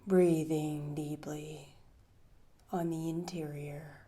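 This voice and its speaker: In a deep, dark voice that stays level, this woman guides a meditation and reads poems aloud. She soothes with long pauses, her phrases dissolving into breath at the end.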